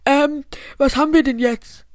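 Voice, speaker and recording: A woman playing a goofy, dim-witted and excitable schoolboy in a homemade story. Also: high-pitched, moderate pace, no echo, clean studio sound, lightly acted. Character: dim-witted cheerful boy pupil.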